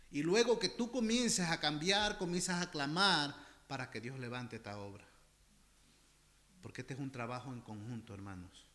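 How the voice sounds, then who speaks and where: Male pastor, fervent sermon delivery, fairly high voice, repeats lines for weight, swings loud to hushed. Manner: impassioned preaching, often addressing listeners as brothers; repeats phrases for emphasis, swinging between loud and soft.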